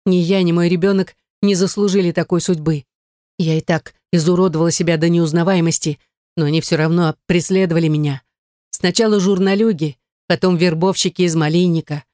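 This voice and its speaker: An audiobook reader voicing a distressed young ex-wife who pleads in a raised, defensive voice. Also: female voice, on the low side, fairly even intonation, brisk, warm tone, no room sound, clean studio sound, natural voice. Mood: impassioned. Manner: pleading, rising voice. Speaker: audiobook character. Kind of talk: audiobook reading.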